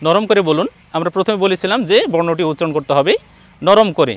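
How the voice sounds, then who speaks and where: High-voiced patient Bengali male teacher. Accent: Bangladeshi Bengali. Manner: patient, encouraging, repeats each letter slowly. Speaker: Quran teacher. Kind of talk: online lesson on letter pronunciation.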